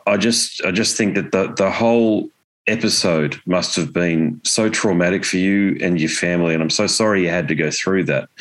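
An Australian man speaking as an interviewer in a conversational, earnest way, often halting as he finds his words. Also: sits low, fairly bright tone, low-quality recording.

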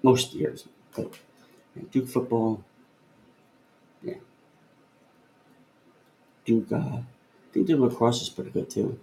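A man in his fifties co-hosts a casual podcast, rambling with plenty of fillers and throwing in jokes. His voice is gravelly and mellow. The room sounds roomy and echoey. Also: medium pitch, slow pace, long pauses. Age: 50s. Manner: joking, rambling, lots of fillers. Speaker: podcast co-host. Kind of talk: casual chat. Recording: roomy echo, faint ambient noise.

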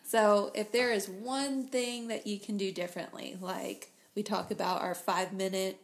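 Gravelly-voiced playful woman co-host. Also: mid-range voice, fairly even intonation, unhurried. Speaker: podcast co-host. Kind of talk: casual chat.

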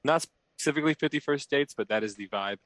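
A man chatting casually with friends, playfully judging their game with a deadpan touch. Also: mid-range voice, fast, dry recording. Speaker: podcast co-host, judge of the game. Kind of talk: casual chat.

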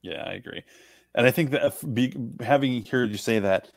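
A man's voice: medium pitch, normal speed, vocal fry, no room sound. A man co-hosting a podcast, chatting casually and rambling with many fillers and restarts. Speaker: podcast co-host. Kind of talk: casual chat.

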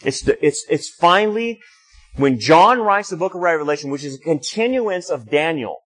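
Male pastor, fairly high voice, teaching sermon, explains and restarts often. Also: lively intonation, moderate pace, a bit bright, poor audio.

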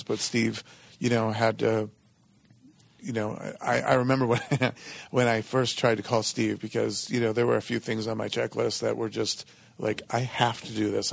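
A middle-aged man, an interview guest, telling personal stories reflectively and informally, in a halting way peppered with filler phrases. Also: on the low side, creaky, no echo. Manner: halting, informal, frequent "you know". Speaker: interview guest, company executive. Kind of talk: reflective personal storytelling in conversation.

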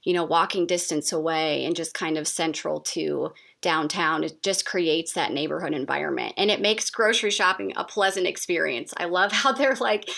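A woman's voice: sits low, moderate pace, creaky, hardly any pauses, fairly bright tone. A woman co-hosting a podcast, talking about a local business in an upbeat, enthusiastic way. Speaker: podcast co-host. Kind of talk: conversational interview.

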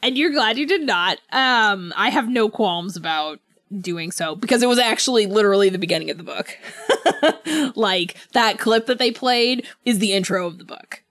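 A woman co-hosts a podcast, chatting about books in a casual, easygoing manner and chuckling readily as she talks. Her medium-pitched voice is expressive and fairly bright, at a moderate pace, with no room sound.

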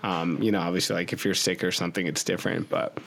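A man's voice: sits low, level tone, quick pace, gravelly, fairly bright tone. A man co-hosting a podcast in casual chat, full of "like" and "you know", who acts out the body talking to itself. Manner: loose and chatty, lots of "like" and "you know", acts out the body's inner voice.

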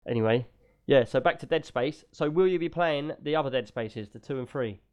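British guy hosting a gaming podcast, chatty and keen, medium pitched voice. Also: fairly quick, a little mellow, smooth, lo-fi sound. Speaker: podcast host. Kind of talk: casual gaming podcast talk.

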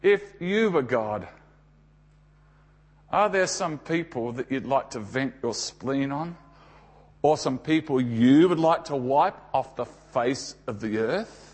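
An Australian man preaching a sermon, telling the story dramatically with emphatic pauses and rhetorical questions. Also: mid-range voice, lively intonation, a little mellow.

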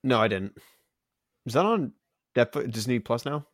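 A man's voice: mid-range voice, expressive, normal speed, no room sound, studio quality. A man giving casual film commentary among friends, tossing in wry wisecracks.

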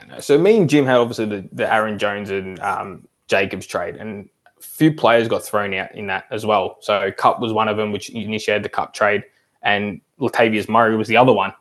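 A man's voice: fairly low pitch, fairly even intonation, brisk, a bit bright. A man in casual podcast chat, rambling through a long story with many ums. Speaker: league member guest.

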